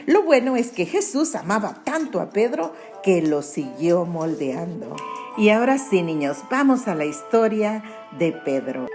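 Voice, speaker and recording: Lively woman telling a children's Bible story. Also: on the low side, unhurried, soft background music. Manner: animated storytelling, addresses children with questions.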